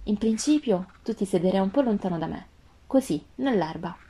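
A woman voicing a gentle, wise female fox with a calm, earnest tone in a storybook reading. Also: mid-range voice, a little fast, breathy edge.

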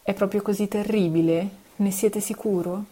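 A woman's voice: mid-range voice, steady tone, normal speed, mellow, slightly rough, voice pushed up, lightly acted. A woman voicing a frightened, elegant young mother in a storybook reading, with anxious exclamations.

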